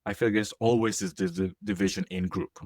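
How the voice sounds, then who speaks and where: A man's voice: on the low side, fast talker, creaky, no echo. A young man of Korean heritage who grew up outside Korea, co-hosting a podcast in casual, playful chat and often correcting himself mid-sentence. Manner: playful, jokey, animated, often self-correcting. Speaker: podcast co-host.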